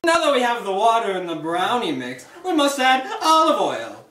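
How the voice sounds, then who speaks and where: A young man playing a zany over-the-top TV chef in a spoof cooking show, shouting sing-song exclamations in mock foreign phrases, filmed in a home kitchen on a camera a few steps away. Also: sits high, sing-song, moderate pace, heavily acted. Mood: manic. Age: young adult. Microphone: phone camera a few steps away. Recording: echoey kitchen, camera from a distance.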